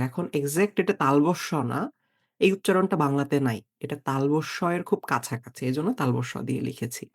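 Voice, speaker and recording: A man teaching a beginner German lesson, patiently explaining and slowly repeating example words. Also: fairly high pitch.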